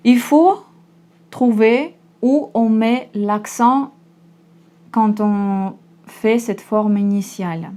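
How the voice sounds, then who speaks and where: A woman's voice: fairly high pitch, warm tone. A young woman from Russia, patiently teaching a language lesson and repeating each example. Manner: slow, patient explaining with repetitions.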